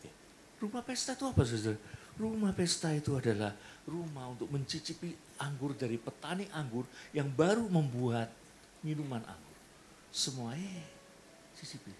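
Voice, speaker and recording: A man with an Indonesian accent preaching a sermon in a church, animated and acting out the people in his stories. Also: fairly high pitch, moderate pace, slight background noise. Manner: animated, acts out quoted voices and jokes. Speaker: pastor. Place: church hall.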